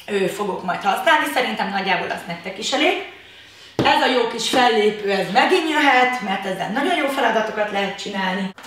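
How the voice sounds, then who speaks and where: A woman teaching a children's exercise class, talking to the kids in a lively way and calling out commands. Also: mid-range voice. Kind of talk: leading a kids' workout video. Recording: very echoey room, voice from a distance, faint noise.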